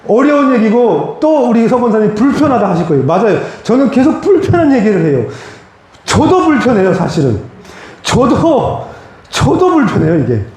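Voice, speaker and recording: A man's voice: high-pitched, big pitch swings, fairly quick, a little mellow. A man preaching a sermon as pastor, earnest and direct, speaking plainly to his congregation. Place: church sanctuary. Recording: very echoey church hall.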